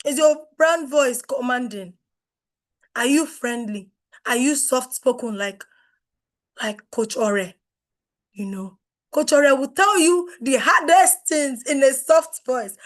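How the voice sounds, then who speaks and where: Hoarse high-voiced woman teaching. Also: takes it slowly. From Nigeria. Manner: emphatic, rhetorical questions, wide swings in loudness. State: hoarse, has lost her voice. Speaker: webinar speaker on branding. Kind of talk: live online workshop talk.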